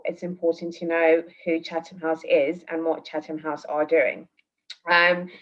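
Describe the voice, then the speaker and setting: A woman with a very low, level voice gives advice on applying for jobs. The sound is dull and lo-fi, like a video call. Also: fairly bright tone. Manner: measured, advice-giving, many ums. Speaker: panellist, recruiter who reads applications. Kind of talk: online careers panel talk.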